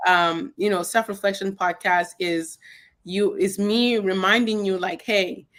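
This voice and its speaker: A young woman from Cameroon, a guest on a video call interview, speaking in a reflective, soft-spoken way with many fillers. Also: medium pitch, steady tone, unhurried. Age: young adult. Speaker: guest, podcast host.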